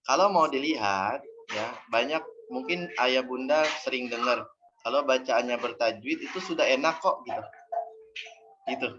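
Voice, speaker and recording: A man's voice: mid-range voice, normal speed. A man teaching Quran recitation in an online class, patiently explaining and drilling syllables aloud. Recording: dull audio with faint noise.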